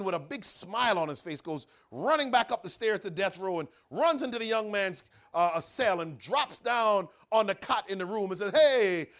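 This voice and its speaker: Brief: male preacher, high voice, dramatic sermon storytelling. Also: fairly bright tone.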